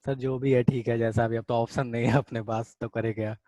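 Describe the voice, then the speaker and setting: A man's voice: mid-range voice, little pitch movement, a little fast, warm tone, no room sound. A man teaching chemistry in a casual online class, explaining reactions and chatting with students, calling them beta. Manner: chatty, addresses students as beta, reads out their chat comments.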